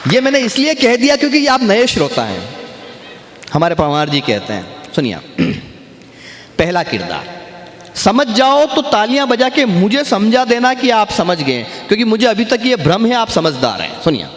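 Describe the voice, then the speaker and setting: A man performing as a stage poet, reciting humorous verse slowly and emphatically and teasing the crowd between lines. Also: sits high. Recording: echoey stage sound in a reverberant venue.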